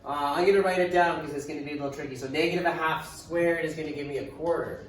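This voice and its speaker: A man's voice: fairly high pitch, fairly even intonation, fast talker, a bit bright, far from the mic. A man teaching a math class, thinking aloud as he works through problems, casual with dry sarcasm. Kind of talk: classroom lecture. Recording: echoey classroom from afar, hiss.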